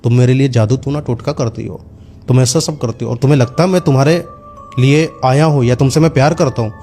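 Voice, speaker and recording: A scheming young villain from a spoken horror tale, full of contempt and cold insults, as a male storyteller puts him on. The voice sits at an ordinary middle pitch, with faint music underneath. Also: a little fast, dark tone, lightly acted. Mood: sneering. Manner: sneering, insulting.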